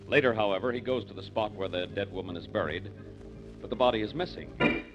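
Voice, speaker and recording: A man announcing in a 1940s radio drama, giving a formal, measured recap in an old radio broadcast sound. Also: fairly low pitch. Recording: dull lo-fi old radio recording with music. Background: music.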